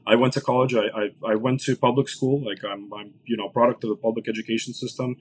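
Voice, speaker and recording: A Los Angeles founder in his late twenties talks fast about his business as a guest on a podcast interview. His mid-range voice keeps a fairly even intonation, and he restarts often, tossing in "right?" along the way.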